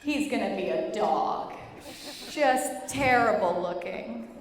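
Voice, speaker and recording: A young adult woman giving a humorous prepared wedding speech as maid of honor, with animated, joking storytelling and dramatic pauses. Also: mid-range voice. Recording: echoey reverberant hall with clear noise.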